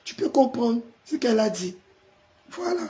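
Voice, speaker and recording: A pastor hosting a live stream, hoarse from a sore throat and forcing his voice out as he chats with viewers and answers their comments. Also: very high-pitched, big pitch swings, moderate pace, dark tone. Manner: chatty, greets viewers by name and answers comments.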